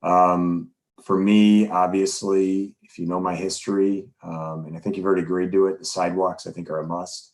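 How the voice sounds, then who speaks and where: A man with a very low voice speaks at a public planning meeting over a remote connection. He is friendly and rambling, filling gaps with uhs as he goes through his questions. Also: flat delivery, normal speed, a little mellow. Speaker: planning commissioner. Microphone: remote call connection.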